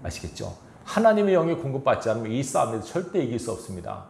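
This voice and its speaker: A fast-talking pastor with a creaky, sing-song mid-range voice reads scripture and then fires rhetorical questions at the congregation. The echoey church recording has a little hiss or hum.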